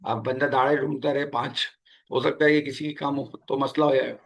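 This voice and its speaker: Bright-voiced man teaching tajweed patiently. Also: medium pitch, fairly even intonation, vocal fry, a little hiss or hum. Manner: patient, repeats key words slowly. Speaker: Quran recitation teacher. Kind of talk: spoken tajweed lesson.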